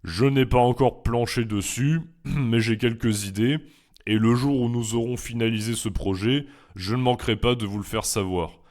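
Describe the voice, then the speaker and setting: A young French man, both philosophy teacher and YouTuber, reads his FAQ answers thoughtfully and deliberately, with some hesitant fillers. His medium-pitched voice is steady and a little mellow.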